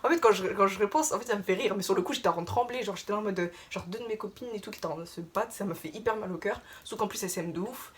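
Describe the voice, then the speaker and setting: A young adult woman casually telling a story to her viewers, chatty and animated, piling on filler tags as she retells what happened. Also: medium pitch, very fast, hardly any pauses. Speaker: vlogger.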